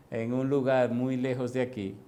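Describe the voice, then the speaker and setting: A male pastor preaching a sermon, firing rapid questions at his congregation and slowing down to stretch key words for emphasis. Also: mid-range voice, level tone, mellow. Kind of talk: preaching sermon with call-and-response. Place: church congregation.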